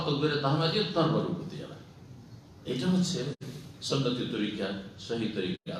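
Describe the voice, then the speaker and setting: A man's voice: a little high, sharp tone. A man with a Bangladeshi Bengali accent, an Islamic scholar giving a lecture who explains points and quizzes his listeners. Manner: explanatory, asks the audience questions. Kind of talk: scholarly sermon to a live audience. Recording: echoey room, from far off, faint hum.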